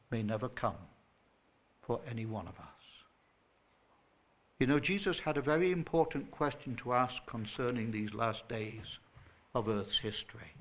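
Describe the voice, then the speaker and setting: A man preaching a sermon to a small church congregation, earnest and emphatic, rising to loud stresses. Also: medium pitch. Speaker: pastor.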